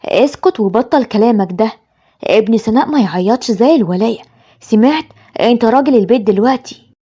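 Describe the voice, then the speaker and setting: A woman with an Egyptian accent voicing a cruel, scolding older mother who shouts orders at her son. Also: on the high side, lively intonation, brisk, breathy edge. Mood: harsh. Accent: Egyptian Arabic.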